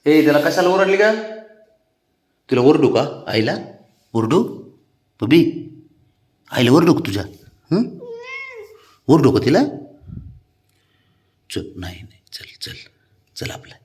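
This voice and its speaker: A man talking to his pet cat in coaxing baby talk, soothing and pleading, with his voice swooping up high on questions. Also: very animated, slow pace, long pauses, darkish tone.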